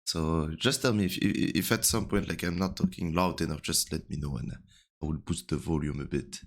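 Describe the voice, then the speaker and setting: A man with a deep, gravelly voice talks softly and close to the mic. He has just woken up and coaches a player over a call. He rambles loosely, with many fillers. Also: fairly even intonation, brisk. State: just woke up. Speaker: game coach. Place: home room at night.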